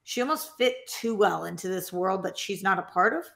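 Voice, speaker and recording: Woman with a gravelly, creaky voice. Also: medium pitch, expressive, fairly quick, a bit bright. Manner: enthusiastic, rambling, trails off mid-thought. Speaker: podcast co-host. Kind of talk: casual movie chat.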